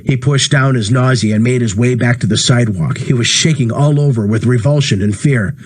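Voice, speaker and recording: A man with a husky voice reading a story aloud, voicing the dialogue by lifting his pitch. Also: brisk. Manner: acts dialogue with rising pitch. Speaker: narrator. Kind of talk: audiobook reading.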